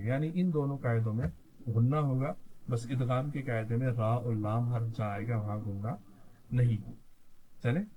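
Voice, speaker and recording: A man's voice: medium pitch, warm tone, slight background noise, rough recording. A man teaching Quran reading, spelling out letters one at a time, who asks questions and then answers them himself. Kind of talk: slow spelled-out recitation lesson.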